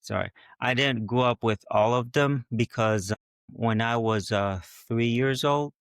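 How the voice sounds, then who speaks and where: A man's voice: mid-range voice, unhurried, clear, resonant tone, no echo, studio quality. A man from Haiti, a guest in an interview, answering hesitantly with many "like"s and restarts. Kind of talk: interview conversation.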